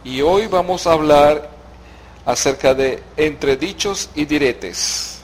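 A man's voice: a little high, slow, a little hiss or hum. A Venezuelan man hosting a podcast, explaining expressions patiently with examples and easy laughter. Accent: Venezuelan Spanish. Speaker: podcast host. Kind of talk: slow explanatory podcast chat.

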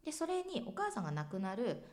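Lively woman telling a story. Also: fairly high pitch, fast talker. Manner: animated, expressive storyteller. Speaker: singer, interview guest. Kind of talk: casual storytelling interview.

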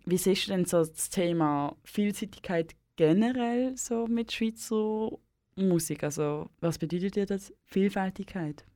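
A woman's voice: mid-range voice, unhurried, warm tone, dry recording. Dry-sounding Swiss German woman asking interview questions. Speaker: radio co-host.

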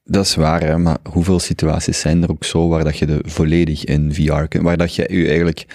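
A man's voice: very deep voice, level tone, fairly quick, darkish tone, no echo, studio quality. A man in his thirties, co-hosting a casual podcast, thoughtful and searching for his words. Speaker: podcast co-host. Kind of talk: casual chat.

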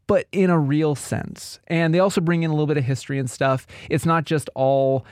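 A man's voice: a little high, fairly even intonation, fairly quick, darkish tone, clear, resonant tone, no room sound, studio quality. A man hosting a podcast in informal conversation, rephrasing himself as he goes. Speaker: podcast host. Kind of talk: casual chat.

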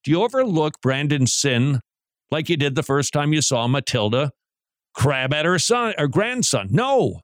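A man hosting a talk radio show, joking and animated, who often restarts his sentences. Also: fairly high pitch, unhurried, no echo, clean studio sound.

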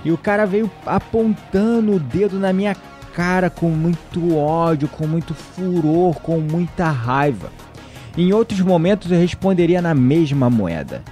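A man's voice: fairly high pitch, unhurried, soft background music. A man telling a story in casual conversation, acting out the voices of the people in it. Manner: animated, acts out quoted voices.

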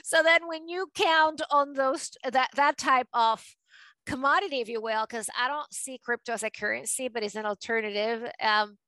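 A woman in her forties from Venezuela, with a mix of Venezuelan and New York accents, talking lively in quick bursts as a podcast guest. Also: high voice, no echo, poor audio. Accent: Venezuelan Spanish mixed with New York. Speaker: podcast guest, art advisor. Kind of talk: casual interview talk.

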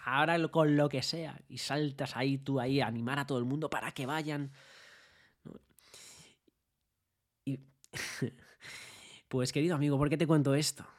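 A man delivers a motivational talk at a middling pitch. He speaks conversationally, keeps asking rhetorical tag questions and paints a vivid scene. Now and then he bursts into shouting. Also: fairly even intonation, moderate pace, long pauses. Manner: builds a vivid scenario, jumps into shouted bits.

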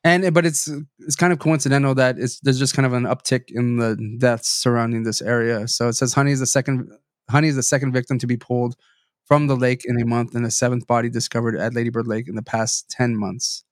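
A man's voice: mid-range voice, steady tone, a little fast, no echo, clean studio sound. Rambling casual man hosting a podcast. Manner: rambling with fillers and restarts. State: stuffy sinuses. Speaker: podcast host. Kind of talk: casual chat, reading news aloud.

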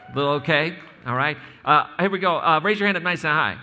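American guy pastor preaching live, real casual and jokey, bright voice, big echoey church room. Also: on the high side, fast. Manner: informal, joking, asks the audience questions. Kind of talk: conversational sermon to a congregation. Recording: reverberant hall, live preaching.

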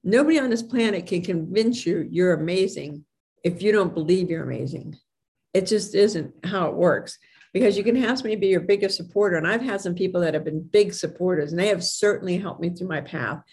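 A woman's voice: fairly low pitch, a little fast, a little mellow. Woman motivational speaker with imprecise R's and S's. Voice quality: speech impediment on R and S sounds. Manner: occasional stutter and tripping over words; emphatic, repeats key phrases for effect. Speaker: confidence coach and public speaker. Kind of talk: motivational talk with personal anecdotes.

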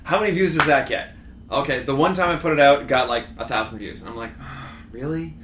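A man chatting on a podcast, telling animated stories with many restarts and fillers. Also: mid-range voice, fast talker, reverberant, a little hiss or hum. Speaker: storm chaser, guest. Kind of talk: casual podcast chat.

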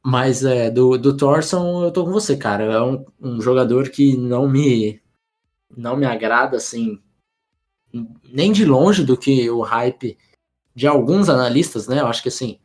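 A man co-hosting a casual sports podcast, voice sitting at an ordinary middle pitch. He rambles along in a relaxed way, restarting sentences and filling pauses as he breaks down players. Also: faint music behind. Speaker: podcast co-host.

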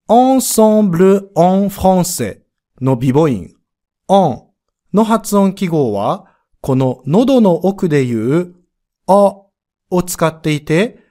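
A man's voice: on the high side, a little mellow. A man teaching a pronunciation lesson on a podcast, explaining step by step and sounding out letters and vowels to demonstrate them.

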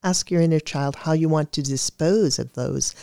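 Measured and soothing, this guided meditation narrator reads calmly from a script in a mid-range voice that's clear and resonant, with some vocal fry. It's a close, dry recording with hardly any room sound.

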